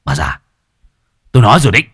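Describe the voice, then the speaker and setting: A man voicing a brutish young gambler son, low and menacing as he wheedles and threatens his mother. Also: sing-song, fast, a bit bright, breathy edge, no room sound, clean studio sound, exaggerated voice. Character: brutish grown son, gambler, violent bully.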